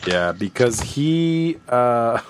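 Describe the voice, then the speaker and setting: A woman's voice: very deep voice, drawn-out words, slight background noise. A woman co-hosting a casual chat podcast, joking and acting out quotes. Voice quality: lively, jokey, quotes scenes in goofy voices. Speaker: podcast co-host.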